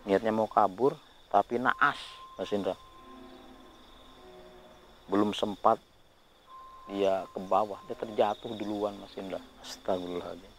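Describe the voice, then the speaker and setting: A lowish male voice speaks in a hushed, half-whispered tone, often murmuring short prayers between his sentences. He talks to a companion while walking outdoors at night near a ravine. Faint insect noise hums behind him. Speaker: ghost-hunting vlogger. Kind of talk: hushed on-the-spot narration.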